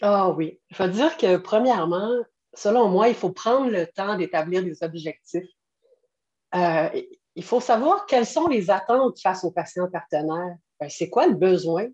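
Her voice sits on the low side, animated and a little mellow, at a moderate pace. She's a French Canadian woman in her late forties, a patient partner guesting on a podcast and answering earnestly, captured with slightly dull, narrow-band sound.

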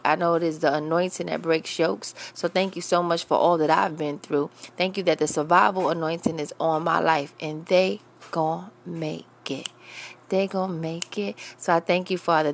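Gravelly-voiced, upbeat woman radio host. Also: fairly low pitch. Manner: lively, playful, and prone to laughing.

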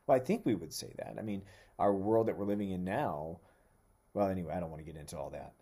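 A man preaching in a podcast sermon who talks in an animated way, throws in playful asides and slows down to read scripture. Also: sits low, husky. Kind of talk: sermon-style podcast teaching.

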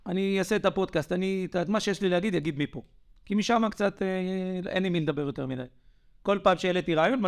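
Young adult male podcaster, high-pitched, agitated, emphatic storyteller. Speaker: podcast co-host. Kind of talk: heated podcast monologue.

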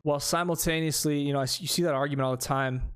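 A man's voice: fairly high pitch, fairly even intonation, rapid-fire, a bit bright, clear, resonant tone. A man who is a small streamer, talking casually in a podcast chat and rambling with lots of fillers and restarts.

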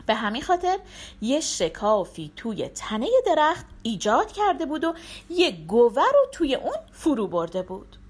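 Animated woman telling a folk tale. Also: on the high side, husky. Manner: expressive, animated. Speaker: storyteller. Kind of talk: storybook narration.

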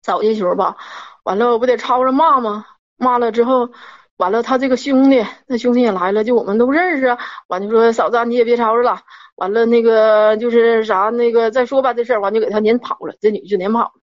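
A woman's voice: fairly high pitch, fast. A woman, a caller telling a personal story in a rambling, worked-up way and repeating herself. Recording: dull lo-fi audio.

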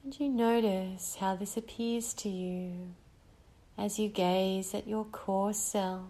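A woman guiding a meditation in an unhurried, gentle cadence. Her voice sits mid-range with a mellow, dark warmth, and she leaves long, calm pauses between phrases. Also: medium pitch. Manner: slow, soothing, with long pauses. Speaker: meditation guide. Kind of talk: guided meditation.

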